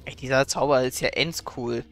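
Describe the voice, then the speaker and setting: A man's voice: mid-range voice, fairly even intonation, moderate pace, vocal fry, soft background music. A man giving casual, playful and wry gameplay commentary as a streamer.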